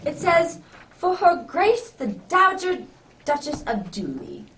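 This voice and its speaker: Woman playing high, lively, bluff doctor as Santa. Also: slow, exaggerated voice. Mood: kindly, puzzled. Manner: hearty, old-fashioned British exclamations. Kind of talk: radio drama acting. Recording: distant microphone.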